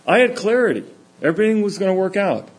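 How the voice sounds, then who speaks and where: A middle-aged man giving a sermon, telling stories in a relaxed, conversational way. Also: sits high, fast. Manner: anecdotal, conversational storytelling. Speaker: preacher. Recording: echoey room.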